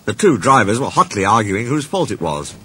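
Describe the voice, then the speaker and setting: A man narrating a children's storybook in an expressive, playful way. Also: fairly low pitch, fairly quick, a little hiss or hum. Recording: reading with background music.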